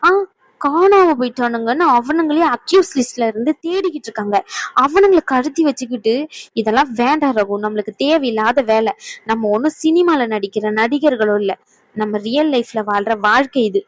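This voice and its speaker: A woman's voice: on the high side, expressive, normal speed, no room sound, close to an everyday voice, rough recording. A woman voicing a worried, reproachful young woman in a cartoon who lectures and scolds her friend. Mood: scolding. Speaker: voice actor. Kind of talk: cartoon dub acting.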